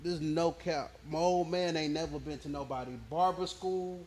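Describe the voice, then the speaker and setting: A man, a rapper telling stories in a relaxed, slang-heavy interview, often checking in with the listener. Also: fairly high pitch, moderate pace, crowd noise. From born in Nigeria, raised in Houston, Texas. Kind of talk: casual interview storytelling.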